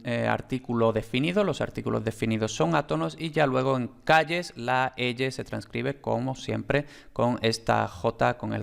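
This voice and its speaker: A man's voice: medium pitch, creaky, a bit bright. A man teaching a phonetics lesson over slides, hesitant, with many fillers and repeated points.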